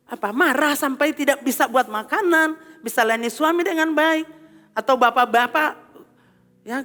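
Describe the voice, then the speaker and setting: A woman pastor with an Ambonese Malay accent preaching an animated sermon in a church, calling on the congregation for responses. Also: high voice. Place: church hall. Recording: long hall reverb.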